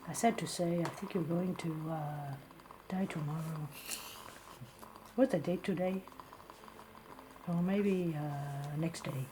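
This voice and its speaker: Casting: woman as blunt lady palm reader, Singaporean or Malaysian accent, soft-spoken comedy role-play, very unhurried, clear background noise. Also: deep voice. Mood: deadpan teasing. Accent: Singaporean or Malaysian English. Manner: clipped grammar, musing hums, deadpan teasing.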